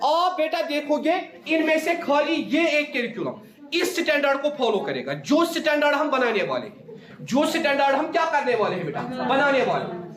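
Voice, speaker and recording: A man's voice: extremely high pitch, big pitch swings, moderate pace, a crowd in the background. A male teacher giving a classroom lecture who keeps calling his students "beta" and repeats each key point as a question to the class. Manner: mixes Hindi with English terms. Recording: echoey classroom.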